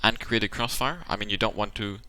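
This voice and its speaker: A man's voice: on the low side, fairly even intonation, a little fast, pushed and bright, no echo. Tired-voiced man breaking down tactics. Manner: explains options at length, thinking aloud. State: tired, worn-out voice. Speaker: channel host analysing a game replay. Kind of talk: casual tactical commentary.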